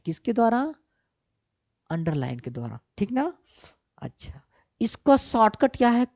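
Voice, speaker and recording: A woman computer teacher with a medium-pitched voice walks through a screen-recorded software tutorial step by step, repeating points. She asks herself questions and answers them, checking often with "ठीक ना," in slightly dull lo-fi audio.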